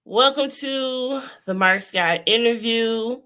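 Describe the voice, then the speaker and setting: A woman hosting a casual online interview, unhurried and quick to laugh. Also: fairly high pitch, bright, forceful tone. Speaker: host.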